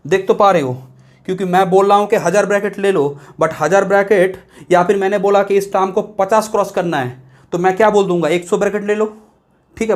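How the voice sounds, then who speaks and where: A man from India giving a classroom math lecture, explaining step by step and often asking students whether they follow. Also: high voice. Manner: explains step by step, checks understanding with repeated questions; reads English text from a book very slowly and word by word. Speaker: math teacher.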